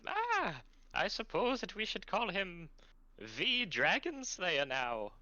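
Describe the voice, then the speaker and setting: A man voicing a kindly, wise elderly companion in a tabletop game, with a gently grand, measured manner. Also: high-pitched, wildly swooping pitch, highs cut off, voice pushed up, exaggerated voice. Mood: amused.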